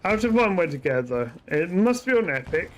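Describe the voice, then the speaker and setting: With a voice that sits high, sing-song and brisk, a man streams a shooter game and talks through it in a loose, chatty way. He often stops to correct himself partway through a sentence, and there is slight background noise.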